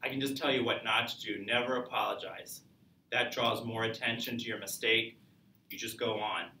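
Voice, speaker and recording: A man's voice: lowish voice, fairly even intonation, normal speed, sharp tone, far from the mic, slight background noise. A man teaching a public speaking class, lecturing conversationally and asking students questions. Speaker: college speech instructor. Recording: echoey classroom recorded from afar.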